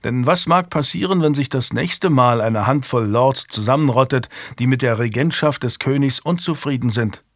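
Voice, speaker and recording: A man voicing a proud, defiant male lord who speaks in a sardonic, measured way, in a dry studio recording. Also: medium pitch, dry recording, close to an everyday voice.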